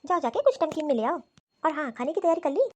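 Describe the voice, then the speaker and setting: A woman voicing a scheming, scolding middle-aged mother-in-law in a cartoon, talking in a sharp, taunting, bossy way. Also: sits high, very animated, quick pace, highs cut off. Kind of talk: cartoon voice acting.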